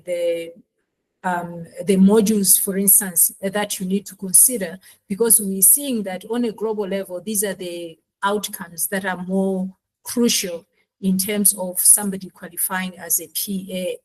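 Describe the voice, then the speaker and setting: Malawi-born woman panelist, mid-pitched, measured explainer. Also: fairly even intonation, a little mellow, rough recording. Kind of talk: panel discussion.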